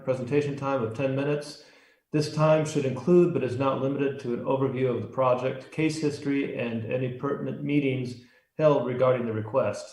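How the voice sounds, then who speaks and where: The chair of a city review commission, an American man with a medium-pitched, darkish voice, opens a public meeting by reading the rules in a formal, scripted manner. The audio sounds noticeably roomy and echoing, like an online meeting.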